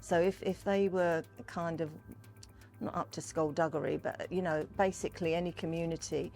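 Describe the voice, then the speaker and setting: Low-voiced older woman with gravelly creak. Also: fairly even intonation, moderate pace, darkish tone, faint music behind. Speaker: Pearly Queen and community fundraiser, interviewee. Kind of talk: informal interview talk about history and culture.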